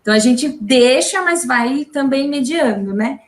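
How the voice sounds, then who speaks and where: A Brazilian woman, a mother, talking in a casual interview with halting speech and many restarts. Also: high-pitched, animated, roomy sound. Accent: Brazilian Portuguese. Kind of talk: casual video call interview. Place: home.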